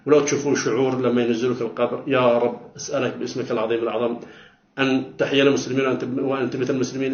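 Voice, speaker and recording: A man's voice: mid-range voice, reverberant, muffled recording. A man telling his own near-death story with dramatic emphasis, repeating words and pleading with his listeners. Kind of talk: emotional personal testimony. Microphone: phone.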